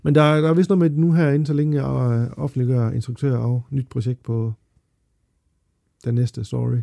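A man's voice: mid-range voice, steady tone, creaky, mellow, dry recording, clean studio sound. A man co-hosting a film podcast in casual chat, opinionated and full of fillers and hesitations. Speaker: podcast co-host.

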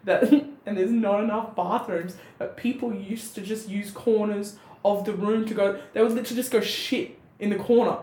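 A woman's voice: mid-range voice, normal speed. A young woman with a broad Australian accent, chatting casually and bluntly on a comedy podcast, swearing freely as she tells stories. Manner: sweary, blunt, animated storytelling. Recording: roomy, echoey sound.

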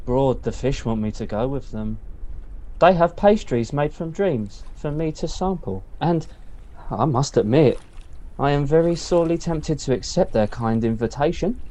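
Male actor: a dotty, oblivious explorer with lively swooping delivery. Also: medium pitch, moderate pace, natural voice. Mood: dreamy. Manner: whimsical, cheerfully oblivious. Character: dotty, hungry male explorer lost in fantasies. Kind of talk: comedy audio drama.

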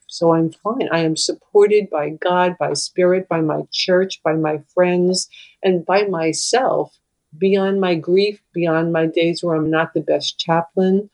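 A woman who works as a hospital chaplain, telling stories in an interview in a lively, candid way, laughing often and sometimes breaking into off-key singing. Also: on the low side, poor audio.

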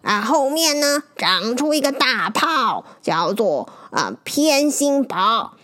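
A woman playing a slow, chuckling old man. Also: sits high, big pitch swings, a bit bright, exaggerated voice. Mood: knowing. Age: older. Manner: slow, drawn-out, chuckling explanations. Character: old male sailor, wise and good-humored storyteller.

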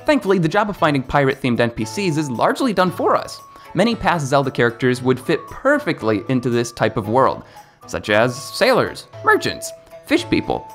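A man who is a guest video creator, reading a scripted segment with lively, expressive delivery. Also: mid-range voice. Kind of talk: scripted narration. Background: faint background music.

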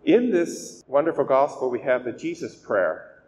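Priest with a long cathedral echo. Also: male voice, mid-range voice, big pitch swings, a little slow, darkish tone. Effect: long cathedral-style echo. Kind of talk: gospel reading and weekday homily. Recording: echoey church hall with faint hiss.

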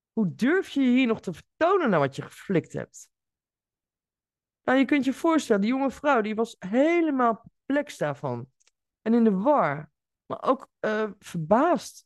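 A woman hosting her own podcast, telling a client's story in an expressive monologue spoken straight to the listener. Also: medium pitch, no room sound, studio quality. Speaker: podcast host and coach.

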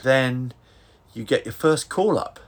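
A gravelly-voiced man hosts the interview and leads his guest through the story with short recaps. His pitch is ordinary and mid-range. He speaks with the familiarity of a former officer. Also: lively intonation, slow pace. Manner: prompting, sums up the guest's story. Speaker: podcast host, former army officer.

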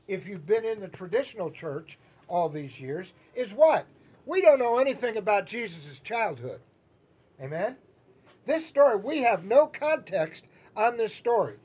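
This high, husky male voice belongs to a Chicago pastor, accent and all, preaching in a church sanctuary. He teases his listeners in a conversational way and keeps asking them questions.

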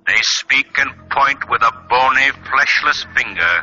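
An actor playing a sinister, mocking unseen avenger in an old radio drama, speaking slowly and menacingly. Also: male voice, mid-range voice, close to an everyday voice. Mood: ominous. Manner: slow, menacing, gloating laugh. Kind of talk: 1930s radio drama acting. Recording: dull old radio recording with music.

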